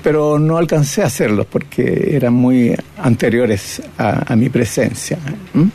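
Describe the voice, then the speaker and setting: An older Chilean cartoonist and painter looks back on his career in an interview, often ending phrases with "¿no?". His mid-range voice is gravelly, mellow and slightly rough, and he speaks at a measured pace.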